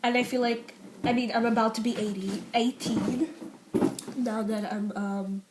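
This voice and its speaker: Amid very noisy audio, a seventeen-year-old girl from the UK speaks to camera in a fairly high, steady voice, a little slowly. Her unscripted confession rambles with frequent fillers and restarts, and her voice falls to a near whisper over painful things.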